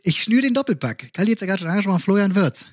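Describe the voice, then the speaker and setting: A man co-hosting a casual football chat show, jumping in with quick, lively interjections. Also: high voice, no room sound, clean studio sound.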